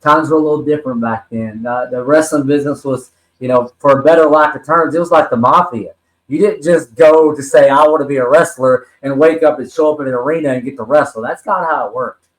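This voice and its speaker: This is a personal-story podcast interview in which a man in his forties, a wrestler and talent manager, recounts his life earnestly and ramblingly, full of ums and restarts. He speaks a little fast in a medium pitch, with roomy sound and poor audio.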